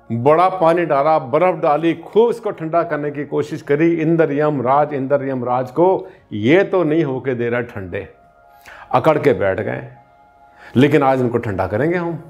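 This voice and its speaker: Teasing, chatty higher-voiced man. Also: darkish tone. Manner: colloquial and teasing, with rhetorical questions. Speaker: vastu consultant. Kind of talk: casual spoken explainer to camera.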